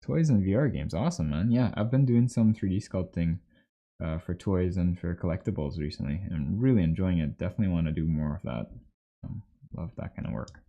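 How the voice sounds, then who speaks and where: A livestream host and 3D artist in his thirties, from Trinidad and Tobago, talks in an animated, brisk way with a voice that sits low. He chats casually and easily as he works in a small indoor home workspace, though the audio is slightly muffled.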